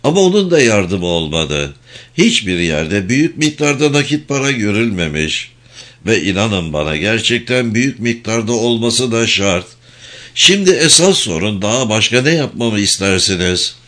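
A man voicing a calm middle-aged lawyer who explains matters patiently in a measured, low voice, read as an audiobook character.

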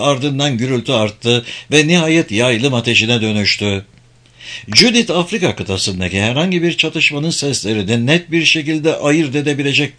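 A man reading an adventure novel aloud in measured, dramatic audiobook narration. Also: medium pitch, pushed and bright.

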